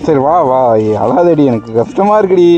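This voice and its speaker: A man's voice: on the high side, lively intonation, normal speed, warm tone, highs cut off, soft background music. A young man with a Tamil accent, chatting casually outdoors with his best friend, teasing her and then coaxing and apologising. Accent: Tamil Nadu. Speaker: vlogger pulling a prank on his best friend. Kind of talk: casual outdoor prank chat.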